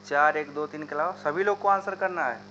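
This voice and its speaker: A man runs a live chemistry class, slipping into his talk and pushing students to answer in the comments. His voice is bright and a little high. The recording is dull and lo-fi, with a faint hum underneath. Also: fairly quick. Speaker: chemistry teacher. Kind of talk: live online chemistry lesson.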